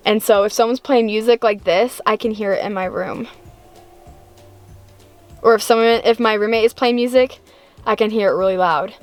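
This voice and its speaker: A young woman vlogger in a casual, comedic rant to viewers, chatty and animated as she complains with exaggerated emphasis. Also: fairly high pitch. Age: late teens to young adult. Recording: music behind the voice.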